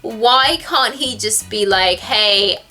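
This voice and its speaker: A woman's voice: mid-range voice, animated, a little slow, pushed and bright, soft background music. A woman chatting casually as a co-host, loosely phrased and acting out imagined bits of dialogue. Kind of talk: casual chat.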